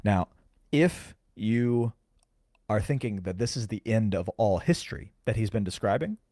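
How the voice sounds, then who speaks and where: Low-voiced man explaining scripture, lively. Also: no room sound, studio quality. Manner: explains carefully, stresses key words, quotes scripture slowly. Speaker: podcast co-host. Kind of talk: casual Bible teaching chat.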